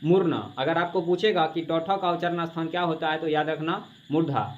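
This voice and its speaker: A man's voice: on the high side, steady tone, a little fast. A male teacher giving a classroom grammar lesson, asking questions and answering them himself to drill the students, and addressing them as "babu". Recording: dull lo-fi classroom recording with faint hiss.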